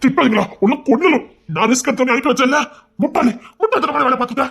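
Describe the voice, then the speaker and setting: A brash young rowdy, played by a man, rattles off his words quickly in a husky voice. He scolds and lectures with exasperated force, and sounds bitter about love. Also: high voice, expressive, fairly bright tone, heavily acted. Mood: angry. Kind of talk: amateur romance drama acting.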